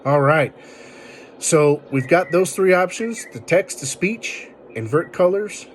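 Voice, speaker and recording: A man's voice: on the high side, expressive, slow pace. Man giving a casual tutorial, faint background noise. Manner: informal, step-by-step explaining. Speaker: video tutorial host. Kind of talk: casual spoken tech tutorial.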